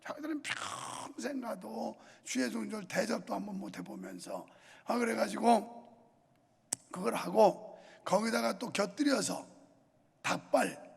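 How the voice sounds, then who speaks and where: A man's voice: sits high, a little slow. An older man with a Chungcheong Korean accent, preaching a sermon in a folksy storytelling way with comic dialect imitations. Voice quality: gravelly, husky. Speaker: pastor. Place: large church sanctuary. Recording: reverberant church hall.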